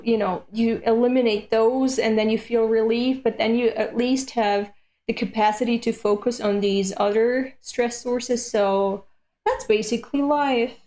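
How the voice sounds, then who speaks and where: A woman's voice: a little high, darkish tone. A woman in her late twenties chatting casually on a live stream between comic readings, candid and self-deprecating, with casual swearing. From Europe. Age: late 20s.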